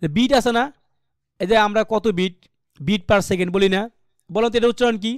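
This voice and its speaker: A man with a Bangladeshi Bengali accent leads a live online pronunciation class with a fairly high voice. He breaks words into single sounds and keeps asking his students questions. The recording is close and dry, with no room sound. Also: normal speed, dry recording. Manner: explains step by step, quizzing students and sounding out letters. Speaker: English pronunciation teacher.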